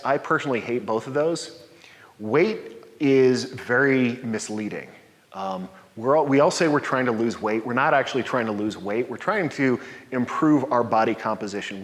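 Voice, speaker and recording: A man in his forties giving an upbeat slide talk at a podium, explaining and mixing in personal examples. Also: mid-range voice. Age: 40s. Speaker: presenter. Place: dark lecture hall, standing at a podium. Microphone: podium mic from a distance. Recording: reverberant hall, voice from afar.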